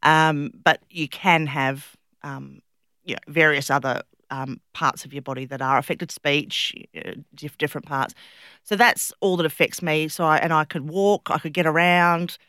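Brief: Australian woman, middle-aged, bright forward voice, chatty and animated interviewee, close dry sound. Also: deep voice, normal speed, clear, resonant tone, no room sound. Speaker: interview guest, public speaker and former competitive swimmer. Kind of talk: casual conversational interview, storytelling.

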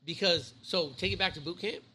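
A man's voice: high voice, brisk, sharp tone, a little hiss or hum. A man in his thirties, a Navy chief co-hosting a podcast, telling rambling stories in casual chat and swearing a lot. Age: 30s. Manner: profane, rambling storyteller.

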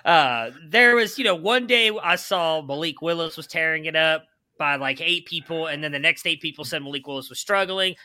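A man's voice: fairly high pitch, moderate pace, bright, forceful tone, no echo. A man co-hosting a football podcast, chatting casually in a rambling, self-deprecating way. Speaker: podcast co-host. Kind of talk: casual sports chat.

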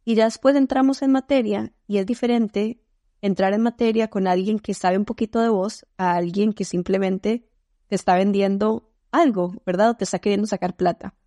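Warm-toned Costa Rican woman telling stories. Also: mid-range voice, moderate pace, dry recording, clean studio sound. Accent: Costa Rican Spanish. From Costa Rica. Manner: animated, expressive storytelling with laughter. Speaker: podcast guest. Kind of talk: casual interview chat.

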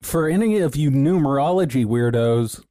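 A man talks in a loose, laid-back way, swearing freely and laughing often as he works through his notes. His voice is mellow and warm, and the sound is dry and close, with no room echo. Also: mid-range voice, expressive, normal speed. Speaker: podcast co-host presenting research notes. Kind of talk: casual podcast chat.

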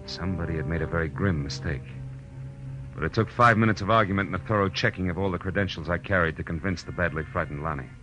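In 1940s radio drama style, an actor plays a tough, wry private detective who narrates his case in terse, dramatic, hard-boiled lines. His male voice sits low and sounds sharp, and he talks fast with tense energy. The old radio recording is muffled and has music.

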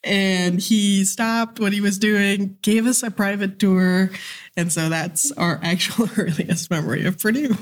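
A woman in her forties from the Philippines, a guest telling stories in an animated, chatty way. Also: mid-range voice, unhurried. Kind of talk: casual interview chat.

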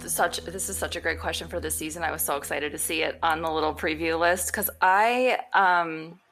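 A woman pastor talks on a podcast in a lowish voice. She is animated and laughs easily, dropping quick asides as she goes. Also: soft background music. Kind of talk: casual podcast conversation.

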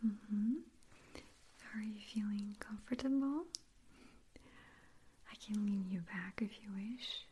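A woman whispering gently in an ASMR roleplay as a hair stylist, asking soft questions. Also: medium pitch, slow, pauses often, a little hiss or hum.

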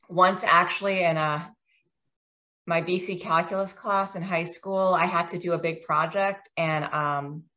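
With a lowish, somewhat bright voice, a forty-something author from the US appears as a guest in a casual interview. She talks chattily, pokes fun at herself, and uses frequent ums.

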